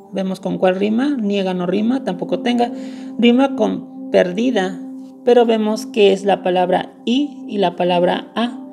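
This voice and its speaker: A woman teaches a lesson at an unhurried pace, going through each point in turn. Her voice is low-toned and mellow, with a gravelly edge, and she often repeats the key word to make it stick. Soft music plays faintly behind her. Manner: explains step by step, repeating key words. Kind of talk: screen-recorded lesson.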